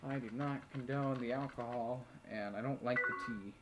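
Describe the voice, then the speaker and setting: Loud typing and keyboard clicks run under a man's medium-pitched, fairly even voice as he hosts a let's play at normal speed. He casually commentates a chat game, reading messages out, muttering asides, and swearing without restraint, all in a very noisy recording.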